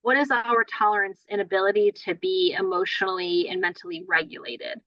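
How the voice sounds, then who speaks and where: Speaking fairly quickly at a medium pitch, a woman delivers a conversational play therapy training full of fillers, frequently tagging on "right?" and "you know". The sound is lo-fi with no room sound.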